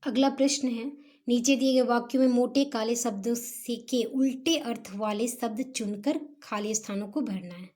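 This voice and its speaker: A woman teacher with a fairly high, mellow voice talks students through their homework answers. She explains patiently and unhurriedly, often mixing English words into her sentences. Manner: patient, explains slowly with Hindi-English mix.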